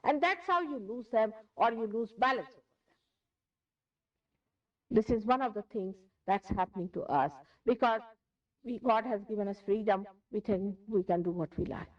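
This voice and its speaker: A woman's voice: on the high side, lively intonation, normal speed. Emphatic Indian woman on a distant, dull tape. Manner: emphatic, repeats phrases for stress. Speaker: spiritual teacher. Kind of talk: spiritual lecture.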